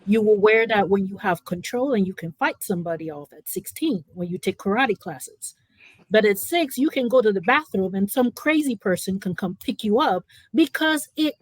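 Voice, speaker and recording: A woman with a fairly high voice speaks on a panel in a close, dry recording. She gives personal testimony with feeling and emphasis, often checking in with short tag questions. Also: lively intonation, moderate pace, no room sound, poor audio. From born in California, raised in Africa.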